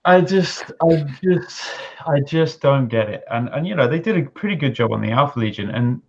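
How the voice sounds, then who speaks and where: A man with a British accent chatting casually on a podcast, animated and profane, playfully indignant. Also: medium pitch, moderate pace, highs cut off. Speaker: podcast co-host.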